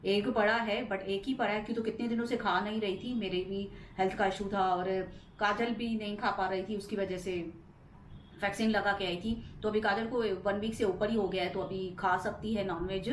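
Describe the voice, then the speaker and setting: A woman's voice: medium pitch, fairly even intonation, moderate pace, echoey room, slight background noise. A middle-aged woman from India chatting her way through a casual home vlog, rambling about her daily chores. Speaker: vlogger. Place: home interior.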